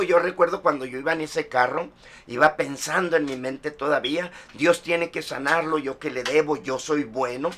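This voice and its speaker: A middle-aged man preaches in a bright, slightly high voice. He speaks as a pastor sharing his own testimony and keeps dropping in "amen" between thoughts. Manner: testimony-style preaching, frequent "amén". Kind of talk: sermon.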